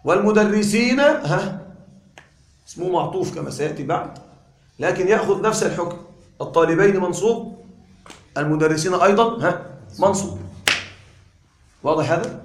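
A man teaching a grammar class, quizzing his students with frequent questions and repeating key points deliberately. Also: high voice, lively intonation, roomy sound. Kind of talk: classroom lecture.

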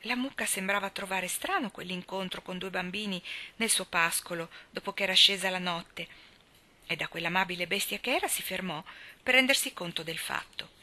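Bright-voiced woman reading a storybook. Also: fairly low pitch. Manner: measured, expressive narration. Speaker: reader.

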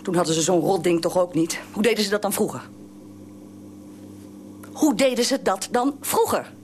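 An actress playing a fierce, nagging middle-aged wife who scolds shrilly and repeats herself in a radio drama. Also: female voice, medium pitch, lively intonation, moderate pace, a little mellow, a little hiss or hum, lightly acted. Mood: angry scolding.

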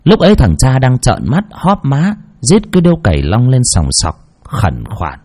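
Husky, expressive male ghost-story narrator. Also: mid-range voice, normal speed. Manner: dramatic, expressive.

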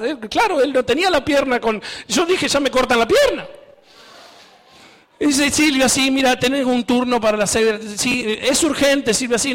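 High-voiced Argentine preacher in a hall. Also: male voice. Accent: Argentine Spanish. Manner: storytelling, laughing at himself, quoting others in raised voice. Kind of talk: sermon testimony.

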